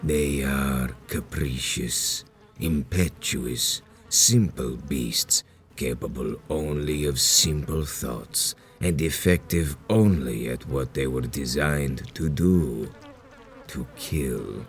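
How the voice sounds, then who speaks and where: An actor playing an ancient, cold vampire sect leader in a video game, speaking in a solemn, grandiose, deliberate way. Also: male voice, rumbling low, a little hiss or hum, full character voice. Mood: solemn menace. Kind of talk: dramatic video game villain dialogue.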